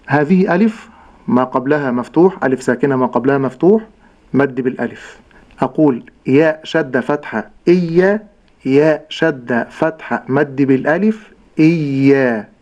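A man teaching correct Quran recitation, slowly sounding out each syllable and contrasting right and wrong pronunciation. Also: medium pitch, darkish tone, highs cut off. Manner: slow, deliberate, models sounds syllable by syllable. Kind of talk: tajweed pronunciation lesson.

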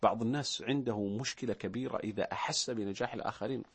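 A man's voice: fairly low pitch, fast talker, breathy edge. A man, a guest expert on a talk show, who lists his points and acts out little example voices. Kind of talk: studio talk show discussion.

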